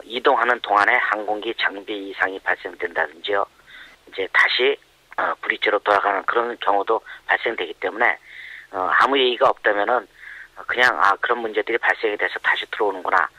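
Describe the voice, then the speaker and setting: A man whose voice is run through a disguising pitch changer gives slow, careful answers, pausing often on hesitant fillers. The altered timbre sounds very bright and edgy. The sound is dry, as if it comes over a phone line. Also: no echo. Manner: measured, with frequent hesitant "uh" fillers. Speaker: anonymous expert interviewee. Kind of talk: explanatory interview answers.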